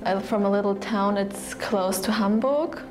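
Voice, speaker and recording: A woman's voice: medium pitch, music in the background. A teenage girl from Germany with a German accent, speaking English in a hesitant, casual interview with small laughs. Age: teens. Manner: slow, hesitant, laughs between phrases. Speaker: exchange student interviewee. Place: studio with dark backdrop. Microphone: lapel.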